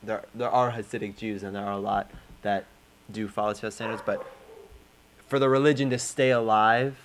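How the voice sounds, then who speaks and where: A young man in casual chat, curious and quick with follow-up questions. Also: fairly low pitch, steady tone, a little hiss or hum.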